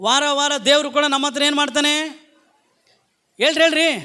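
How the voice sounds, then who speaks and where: A man's voice: extremely high pitch, steady tone, moderate pace, pushed and bright. A male pastor, preaching emphatically at a church service and calling the congregation to repeat after him. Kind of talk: Pentecostal-style sermon.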